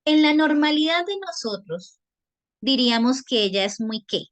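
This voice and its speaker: A woman's voice: high voice, lively intonation, normal speed. A woman psychologist giving an online workshop, explaining patiently and asking her audience questions. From Colombia.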